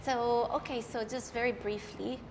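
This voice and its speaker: A middle-aged woman from Lebanon, a professional violinist, telling her story in an unhurried way with many fillers. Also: on the high side, steady tone, in a large hall, noisy background. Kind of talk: casual interview chat.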